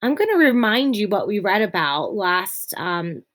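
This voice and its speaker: A young adult woman teacher giving a remote reading lesson to children, explaining slowly and clearly and reading aloud with expression. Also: mid-range voice, very animated.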